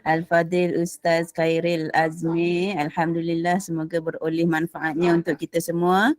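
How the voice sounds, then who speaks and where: A woman hosts the event and gives formal closing thanks in an even, steady manner. Her voice is lowish and very flat, and the recording is dry with no room echo. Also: moderate pace. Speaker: event host.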